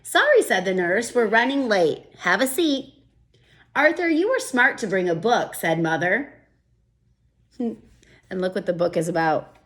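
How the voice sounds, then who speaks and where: With long pauses and an unhurried, medium-pitched voice, a woman reads a picture book for children. She reads gently and expressively, stepping aside to explain her thinking the way a teacher does.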